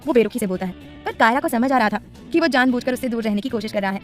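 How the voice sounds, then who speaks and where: A woman narrating a romantic serial story, reading with expressive voices for the dialogue. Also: on the high side, very fast, soft background music.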